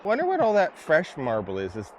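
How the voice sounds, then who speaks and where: A vlog host, a man, walks through ancient ruins outdoors, giving casual commentary that sounds skeptical and a bit worn out from the hike. His voice runs slightly high and a little quick, with huge swings in pitch, and there's a faint hiss or hum on the recording.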